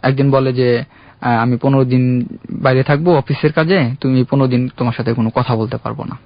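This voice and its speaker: A young man calling in to a radio show, earnestly recounting his own love story in a halting, heartfelt way. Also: medium pitch, fairly even intonation, vocal fry, no room sound. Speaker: caller. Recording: dull, dry radio studio sound.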